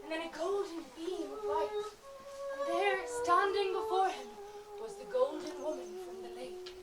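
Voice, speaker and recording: A woman narrating a fairy tale in an animated storyteller manner. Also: extremely high pitch, a little slow, music in the background. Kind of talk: expressive storytelling. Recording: roomy, distant, noisy.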